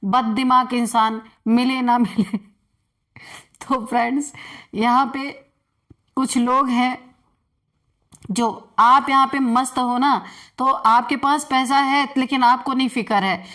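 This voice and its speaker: A woman giving a general tarot reading to her viewers, calling out cards slowly and then explaining them in a chatty way with frequent laughs. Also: high-pitched, fairly bright tone. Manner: slow, drawn-out card calls, then brisk chatty explanation with frequent laughs. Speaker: tarot reader.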